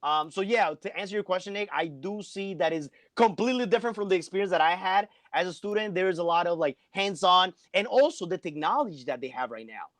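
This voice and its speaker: A man's voice: high voice, animated, quick pace, few pauses, fairly bright tone, no echo, clean studio sound. A middle-aged man, a math teacher talking casually as an interview guest from his home basement, filling his speech with "like.". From Colombia. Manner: chatty, peppers speech with "like".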